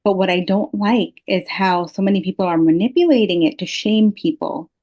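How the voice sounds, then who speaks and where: A woman's voice: mid-range voice, normal speed, muffled recording. A woman from Pakistan talks as a podcast guest, explaining her personal views and experience in an earnest, reflective way. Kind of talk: reflective personal interview talk.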